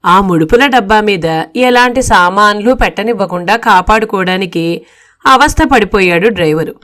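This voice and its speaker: A woman tells a comic domestic tale as a storyteller. Her narration is lively and wry, in a voice of ordinary pitch. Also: normal speed. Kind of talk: storytelling reading of a humorous novel.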